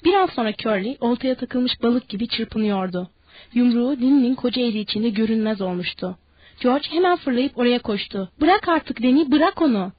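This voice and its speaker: A woman narrating an audiobook in a steady, measured reading. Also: fairly high pitch, breathy edge, dry recording, lo-fi sound.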